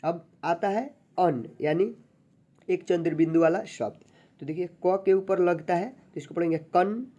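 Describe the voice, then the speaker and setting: A teacher giving an online alphabet lesson, patiently sounding out syllables slowly and often checking that viewers follow along. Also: medium pitch, dark tone, highs cut off. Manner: addresses viewers as friends. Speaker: Hindi teacher.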